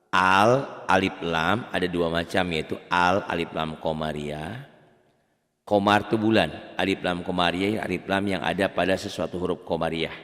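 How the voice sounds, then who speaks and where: A man teaching Quran recitation in a casual, patient way, stretching the example words into slow chanted recitation. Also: deep voice, a bit bright, long reverb tail. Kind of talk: casual spoken tajwid lesson.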